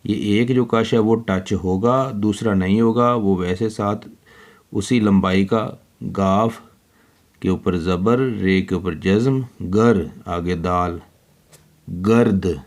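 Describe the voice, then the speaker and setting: A man teaching children handwriting, slowly spelling out letters one by one. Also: low voice, steady tone, a little mellow.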